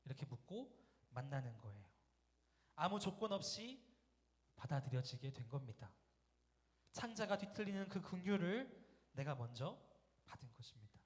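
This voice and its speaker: A man preaching in a church sanctuary, telling stories in a relaxed, conversational way and often putting questions to the congregation. His voice sits a little higher than most men's. A long reverb trails behind every phrase, as in a big hall. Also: normal speed, long pauses. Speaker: guest pastor. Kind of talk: storytelling sermon. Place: church sanctuary during a Sunday service.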